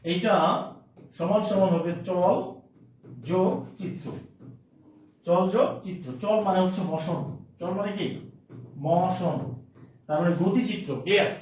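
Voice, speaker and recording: Guy teaching online class, high voice, lots of room echo, keeps asking if it's clear. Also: a little mellow. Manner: repeats words, checks understanding often. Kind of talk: online grammar lesson. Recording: very echoey room, distant mic.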